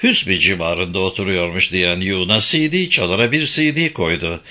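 A man narrating a novel as an audiobook with expressive, animated reading. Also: deep voice, moderate pace. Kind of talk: scripted narration.

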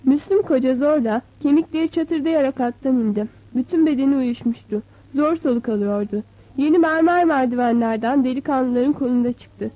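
Audiobook narrator, woman: high voice, measured and expressive, dry close sound. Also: no room sound. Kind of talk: audiobook novel reading. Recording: dull, slightly lo-fi.

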